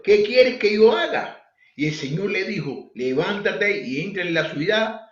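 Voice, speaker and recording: A man teaching a bible study sermon, asking his listeners questions as he explains the passage. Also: sits high. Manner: animated, asks the listeners questions. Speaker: preacher. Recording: echoey, lo-fi room recording.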